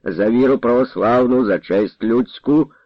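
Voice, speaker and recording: A man voicing a pious male village priest who speaks solemnly in churchly phrases, a little lower than usual. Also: a little slow, no room sound, lo-fi sound.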